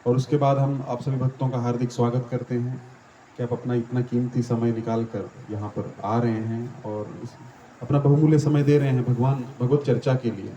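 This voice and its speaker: A man's voice: mid-range voice, flat delivery, normal speed, mellow, a little hiss or hum. A man giving a devotional talk to a gathering in a small temple hall. He explains step by step, asks the audience questions and often ends his sentences with "है ना". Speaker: devotional teacher.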